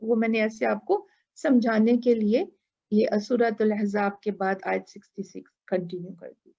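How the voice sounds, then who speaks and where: A woman teaching a tajweed lesson who explains patiently, asks her students questions and chants Quran verses in a drawn-out style. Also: mid-range voice, vocal fry, warm tone, dull audio.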